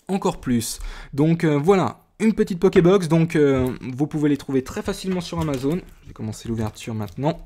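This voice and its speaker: A man's voice: mid-range voice, darkish tone. A man giving casual, enthusiastic unboxing commentary as a video host, often hesitating with fillers and exclaiming in wonder. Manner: hesitant, many fillers and restarts. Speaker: YouTuber opening a trading card tin.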